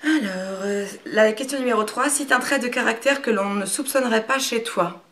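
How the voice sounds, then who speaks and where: Talking casually to camera for a question tag video, this woman in her thirties, a YouTuber from Brittany, France, comes across as frank but reserved. She speaks at normal speed with a fairly bright, higher voice, hesitating often with plenty of fillers and restarts.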